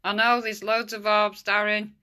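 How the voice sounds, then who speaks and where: A woman with a bright, sharp voice films a casual ghost hunt on her stairs. She chats along and calls out loudly to the spirits. It is recorded on a phone she holds in her hand indoors. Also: medium pitch, level tone, moderate pace. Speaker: amateur ghost hunter. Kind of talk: casual home ghost-hunting vlog. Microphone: handheld phone.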